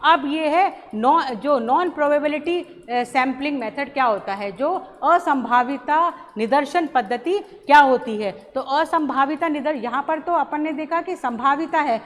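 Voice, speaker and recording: A woman college lecturer giving a recorded lesson, explaining slowly with many pauses and restarts. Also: high-pitched. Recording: roomy hall echo, faint ambience.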